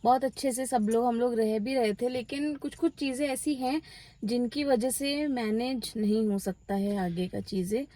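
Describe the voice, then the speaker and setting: A young woman chatting casually in a family vlog, gently coaxing and asking the same things again and again. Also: on the high side, fairly even intonation, moderate pace, low-quality recording. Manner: coaxing, tender, repeats questions. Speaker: vlogger.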